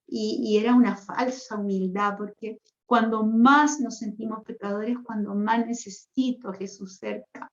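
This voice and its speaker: Woman, 60s, religious sister; higher-pitched, pleading prayer tone, echoey room. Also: fairly even intonation, measured pace, hardly any pauses. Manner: earnest and intimate, with pleading spoken prayers and rhetorical questions. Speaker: religious sister leading a healing retreat. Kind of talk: spiritual retreat talk. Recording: roomy, dull lo-fi recording.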